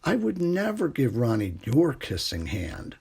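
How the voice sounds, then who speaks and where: Man as a gentle, husky raccoon mother. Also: mid-range voice, huge pitch swings, unhurried, full character voice. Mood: tender. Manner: gentle, soothing, warm delivery. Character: motherly female raccoon, tender, reassuring parent. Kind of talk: children's storybook character voice.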